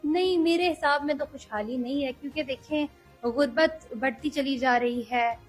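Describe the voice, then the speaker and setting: A young woman speaking earnestly as an interview guest, measured and hesitant at times. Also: high-pitched, soft background music, rough recording. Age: young adult. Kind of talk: political interview.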